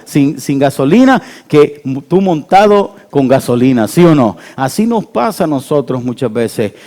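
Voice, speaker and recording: A male pastor, preaching an animated sermon with call-and-response to his congregation. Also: fairly high pitch. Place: church hall. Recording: church hall with long reverb.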